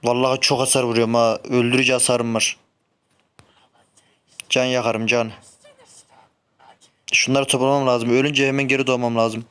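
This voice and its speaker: A man's voice: mid-range voice, flat delivery, moderate pace, pauses often, clear, resonant tone. A young man streaming and commenting on his own gameplay, grumbling and swearing when things go wrong. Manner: frustrated, shouts sharply when the game goes wrong. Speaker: gaming streamer.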